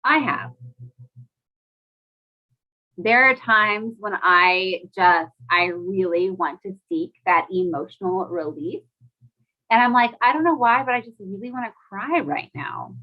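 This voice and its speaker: A woman's voice: lowish voice, highs cut off. A woman, a mother, talking casually to a live audience, chatty and full of "like"s, asking them questions. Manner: chatty, many "like"s, asks the audience questions, laughs often. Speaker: host of a live talk.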